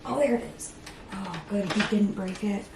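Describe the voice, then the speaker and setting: A woman's voice: medium pitch, normal speed, noisy background. A woman in her thirties chatting casually while doing her makeup at home, rambling and talking to herself. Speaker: beauty vlogger. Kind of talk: casual get-ready-with-me chat.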